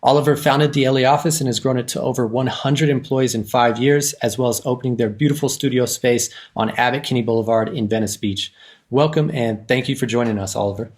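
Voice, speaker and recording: A man's voice: medium pitch, fairly even intonation, brisk, a little mellow. A man hosting a podcast, reading an upbeat introduction and asking interview questions. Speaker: podcast host.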